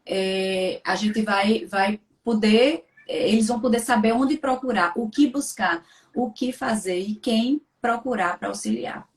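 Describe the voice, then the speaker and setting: A woman's voice: on the high side, unhurried. A woman psychiatrist hosting a live stream conversation, talking in a chatty way and often checking in with tag questions. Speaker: psychiatrist, host. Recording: roomy echo.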